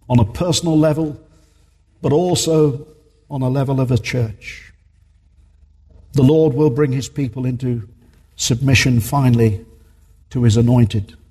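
A man's voice: mid-range voice, warm tone, slightly rough, in a large hall. A man preaching a sermon as a minister in a church, earnest and emphatic, repeating his key points.

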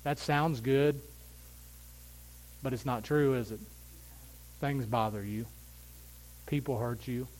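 A man preaching a sermon, swinging from loud, impassioned calls to quiet, intimate asides. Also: mid-range voice, steady tone, slow pace, long pauses, slight background noise, rough recording. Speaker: pastor.

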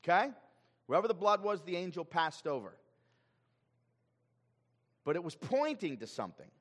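Man, pastor, sermon, emphatic, quizzes the congregation, slightly high voice. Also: very animated, moderate pace. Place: church sanctuary. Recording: long hall reverb.

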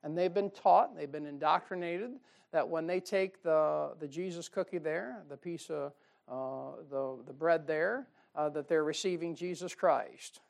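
A man preaching a sermon on soul-winning, shifting from loud emphasis to quiet asides and slowing down to read scripture. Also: a little high, creaky. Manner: reads scripture in slow, drawn-out emphasis.

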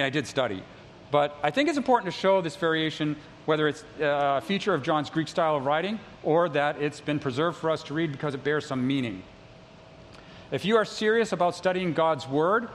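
A middle-aged male pastor delivers a sermon in a relaxed, conversational way, slipping in self-deprecating asides to the congregation. His voice sits a little high for a man. The sound carries a long reverb from a big hall, with a faint hiss underneath. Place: church sanctuary.

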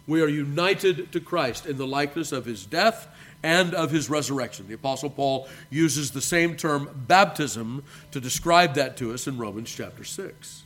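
A man, a pastor, preaching a measured sermon and reading scripture aloud. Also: on the high side, animated, a bit bright. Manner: addresses listeners as beloved.

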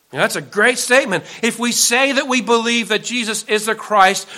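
Bright-voiced man preaching a sermon. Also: high-pitched. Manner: earnest preaching with emphatic lists. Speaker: pastor.

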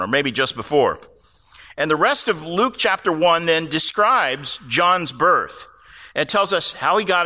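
A man's voice: on the high side, pushed and bright. A man preaching a sermon, explaining scripture passages with casual asides to the congregation. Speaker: pastor. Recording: long reverb of a large hall.

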